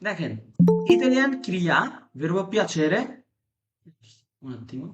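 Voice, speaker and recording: High-voiced man teaching Italian online. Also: big pitch swings, slow, roomy sound, muffled recording, soft background music. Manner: repeats words and phrases for students; asks students questions. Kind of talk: online class lesson. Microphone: video call.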